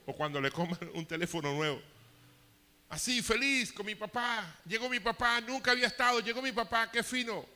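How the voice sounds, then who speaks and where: A man's voice: a little high, sharp tone. Emotional male pastor in a reverberant hall. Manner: emotional, storytelling with rising intensity. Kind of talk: sermon. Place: church hall.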